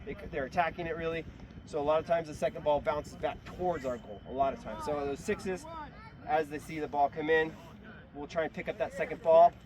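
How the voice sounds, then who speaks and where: A man's voice: fairly high pitch, fairly quick, a crowd in the background. A man coaching a soccer team in a halftime pep talk, instructive and often checking understanding with short tag questions. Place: outdoors at a sports field. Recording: outdoor field with clear traffic noise.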